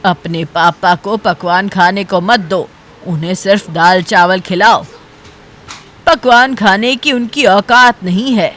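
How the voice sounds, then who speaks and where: A domineering, slow-spoken cartoon mother-in-law. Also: mid-range voice, fairly bright tone. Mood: scornful. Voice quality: cutting, contemptuous. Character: domineering older mother-in-law, scornful and harsh. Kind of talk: cartoon voice acting.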